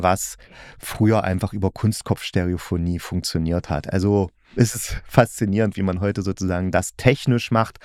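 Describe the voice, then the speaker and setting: A podcast host gives a casual solo review, rambling along in colloquial speech and hedging his opinions. His voice is lowish with a darkish tone. It's studio-quality audio with no echo.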